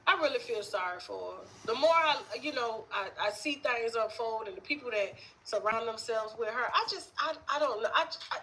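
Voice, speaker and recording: A woman from the Southern US hosting a casual gossip livestream, sassy and animated, with laughing asides. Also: fairly high pitch, a little fast, poor audio. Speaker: gossip show host.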